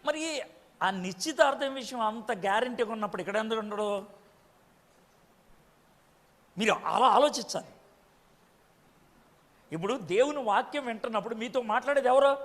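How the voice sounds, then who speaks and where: High-pitched preacher in a reverberant hall. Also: male voice, moderate pace, pauses often. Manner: rhetorical questions to the congregation, scolding. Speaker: pastor. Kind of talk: sermon.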